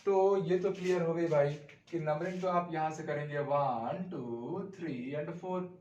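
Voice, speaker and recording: A man's voice: a little high, unhurried, darkish tone, reverberant, far from the mic, highs cut off. A man teaching a chemistry lesson in Hindi with terms, explaining step by step and often addressing "dear students.". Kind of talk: classroom lecture at a board.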